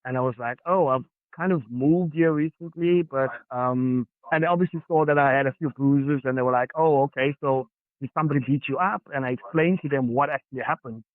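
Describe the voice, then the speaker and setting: A man with a Johannesburg South African accent and a medium-pitched, slightly fast voice earnestly tells stories from his past as a podcast guest, acting out the dialogue as he reflects. The sound is dry and narrow, like a phone, with no room sound.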